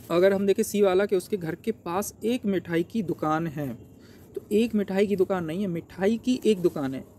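High-voiced man tutoring Hindi exam questions. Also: dark tone, a little hiss or hum. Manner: explains step by step, asks and answers his own questions. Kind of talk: exam paper walkthrough.

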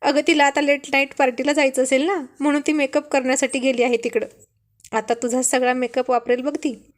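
A woman voicing a playful young husband who calmly teases his wife in a light, joking tone. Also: sits high, fairly quick, natural voice. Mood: amused. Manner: light teasing tone.

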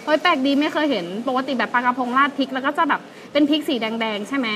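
A young woman hosting a food vlog, chatty and excitable, walking through seafood dishes at a seaside restaurant. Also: sits high, fast talker, slight background noise, poor audio. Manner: chatty and excitable, lots of fillers and exclamations. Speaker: food and travel vlog host. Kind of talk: casual food review walkthrough.

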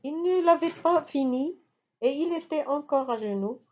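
A woman reading a bedtime story aloud in a slow, soothing manner. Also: high voice, animated, warm tone, muffled recording.

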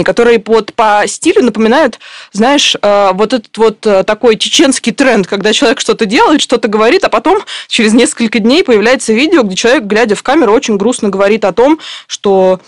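A woman's voice: fairly high pitch, no echo, clean studio sound. A woman reporter explaining events in a news discussion at length, with many fillers and restarts.

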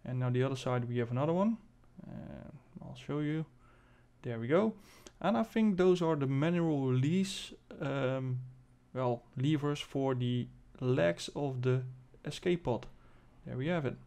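A man giving casual commentary as host of a game showcase, halting and thinking aloud as he demonstrates. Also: mid-range voice, gravelly, dark tone. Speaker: video host presenting a game spaceship.

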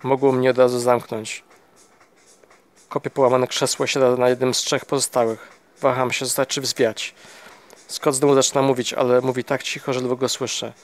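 A man narrating a novel in the first person at a middling pitch. His reading is steady and plain, though he stumbles and restarts a word now and then. It sounds like a home audiobook reading. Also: brisk. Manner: steady, with small slips and restarts.

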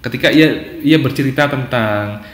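A man's voice: mid-range voice, moderate pace, fairly bright tone. A man who is a psychologist, explaining parenting steps point by point in a talk and acting out short examples. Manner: acts out short parent and child exchanges in a raised voice. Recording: echoey, reverberant room.

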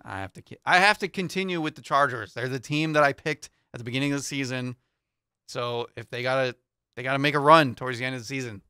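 Young man, easygoing sports podcast co-host, bright forward tone, dry studio mic. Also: medium pitch, quick pace, clean tone, no room sound. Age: young adult. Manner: easygoing, reads out matchups with light laughs. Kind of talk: casual sports podcast chat. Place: small podcast studio with foam panels. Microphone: studio mic on boom arm, headphones.

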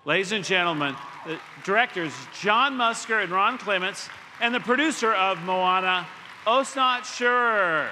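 A man's voice: high-pitched, animated, unhurried, background noise. A man in his fifties, a presenter, giving a proud, ceremonious stage introduction. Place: large indoor arena stage. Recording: reverberant arena sound.

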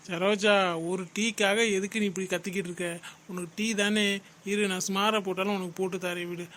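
A bickering cartoon husband, as a man acts him out, high-voiced and quick, firing off sharp teasing retorts in a steady, even tone. He sounds like a comic middle-aged man in a family squabble. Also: slight background noise. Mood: placating. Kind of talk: cartoon comedy voice acting.

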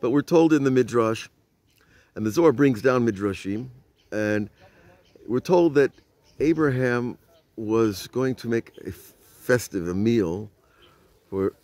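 Beside old stone walls at night, an older man gives a relaxed Torah lesson in a medium-pitched, animated voice that is a little mellow, moving slowly with frequent pauses. He narrates conversationally and throws rhetorical questions at his audience, recorded without echo on a phone at arm's length.

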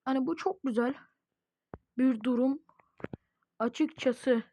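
High voiced girl narrating her game to viewers, chatty, gets all dramatic. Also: slow pace, mellow, dull audio, a little hiss or hum. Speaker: gaming video host. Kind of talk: casual gameplay commentary. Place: at home.

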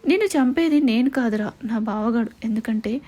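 A woman's voice: on the high side, normal speed, warm tone, natural voice. A woman playing a cocky, teasing young male rescuer. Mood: confident. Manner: mocking, confident.

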